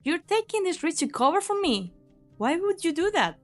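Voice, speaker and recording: This high-voiced woman voices a young mercenary leader for an anime game dub, soft music underneath. Cynical, unsentimental and slyly taunting, she speaks sing-song at normal speed, mocking and incredulous.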